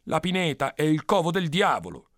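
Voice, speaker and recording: Storybook villager, superstitious and emphatic, voiced by a man, slightly raised pitch. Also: very animated, a little fast, a bit bright, no room sound, studio quality. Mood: grave. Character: superstitious adult male villager.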